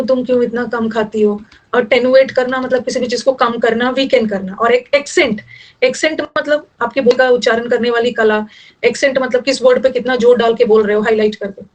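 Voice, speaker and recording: A woman's voice: on the high side, poor audio. A young woman teaching English vocabulary in Hindi, explaining word meanings and teasing her students a little. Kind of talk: online vocabulary lesson.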